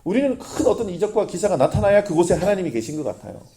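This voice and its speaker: Lively, mellow-voiced Korean pastor preaching. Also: male voice, high-pitched, quick pace. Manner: lively preaching, asks the congregation questions. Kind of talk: sermon.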